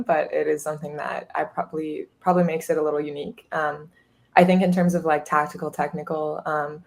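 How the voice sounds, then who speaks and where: Guesting on a podcast, a college goalkeeper in her twenties talks upbeat and loose, dropping plenty of fillers. She speaks low, with vocal fry.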